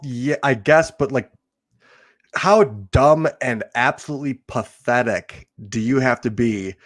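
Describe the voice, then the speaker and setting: A young man with a mid-pitched voice chats on a casual podcast, rambling through his ideas and laughing often. He talks in an animated, loose way among friends. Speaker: podcast co-host. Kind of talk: casual comedic podcast chat.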